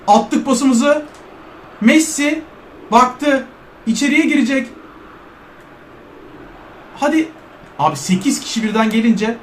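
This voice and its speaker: A man commentating his own football video game match in Turkish-accented speech, calling passes play by play and shouting at scoring chances. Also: very high voice, echoey room, a little hiss or hum. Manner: play-by-play calls, shouting at chances, urging "bas bas". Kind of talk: excited self-commentary while playing.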